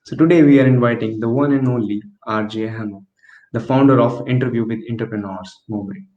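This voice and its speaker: A man hosting an interview show, earnest and halting, often restarting his sentences. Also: mid-range voice, warm tone. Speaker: host. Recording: dull echoey lo-fi sound.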